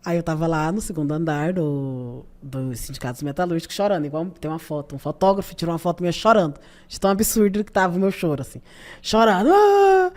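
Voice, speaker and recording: Fast-talking Brazilian woman telling anecdotes. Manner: animated, laughing anecdotes, pitch leaps up when quoting herself. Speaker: youth secretary of a political party, podcast guest. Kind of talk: casual storytelling interview.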